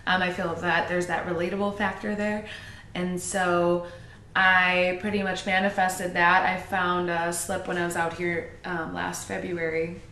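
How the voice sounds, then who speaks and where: A woman personal trainer talking casually as a guest, with hesitant pauses and frequent fillers. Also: fairly low pitch, little pitch movement, bright, forceful tone, a little hiss or hum. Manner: hesitant, many ums. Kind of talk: casual chat. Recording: roomy echo, distant mic, faint ambience.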